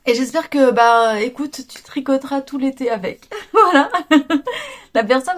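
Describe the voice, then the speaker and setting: Brief: French woman vlogger, chatty and rambling, laughs a lot, fairly high voice, casual home chat. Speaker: knitting vlogger.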